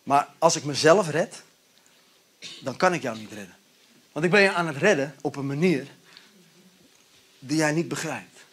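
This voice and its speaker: A calm, forgiving figure speaks softly and earnestly, as a preacher quotes him in a sermon. The voice stays low and hushed. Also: male voice, normal speed, pauses often, husky. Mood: gentle. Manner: gentle, quiet, earnest. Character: calm forgiving Jesus, grown man.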